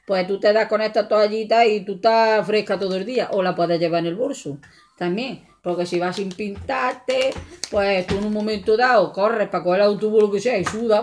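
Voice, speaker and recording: Chatty Andalusian woman showing a shopping haul. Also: on the high side. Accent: Andalusian Spanish. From Andalusia, Spain. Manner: chatty, jokey, talks to viewers as friends. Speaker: vlogger. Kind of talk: casual shopping haul vlog. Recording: faint background noise.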